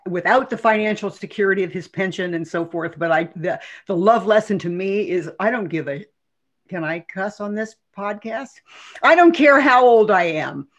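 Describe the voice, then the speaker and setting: A woman in her seventies, a therapist guest on a podcast, talking in a casual, outspoken and enthusiastic way and laughing often. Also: lowish voice. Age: 70s. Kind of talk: casual conversation.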